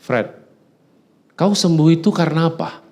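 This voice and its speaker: Middle-aged guy preaching, kinda high voice, goes from quiet musing to loud urging. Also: moderate pace. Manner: animated, swings from low musing to loud exhortation; acts out dialogues with God in a chatty tone. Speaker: pastor. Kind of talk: sermon.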